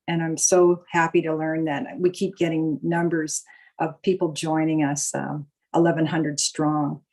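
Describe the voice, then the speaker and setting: A woman's voice: low voice, warm tone, rough recording. An older woman from Alaska hosting a live online gathering, speaking casually with many fillers as she shares stories. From Juneau, Alaska. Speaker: board director and panel host. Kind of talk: casual live-stream address.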